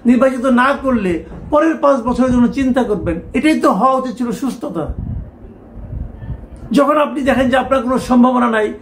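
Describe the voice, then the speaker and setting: A man's voice: very high-pitched, normal speed, slight background noise. A middle-aged man, giving a talk show political commentary with emphatic rhetorical questions.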